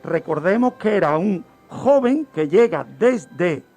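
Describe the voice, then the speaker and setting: With lively intonation and a high, darkish voice, a guest criminologist slowly relates historical crime events on radio, asking and answering his own questions. The studio recording has background music under his speech.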